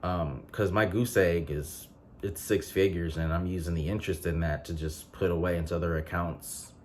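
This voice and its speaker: Male vlogger, late twenties, very low voice, casual filler-heavy chat, faint background hum. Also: moderate pace. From North Carolina. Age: 20s. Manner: relaxed rambling with frequent fillers and restarts.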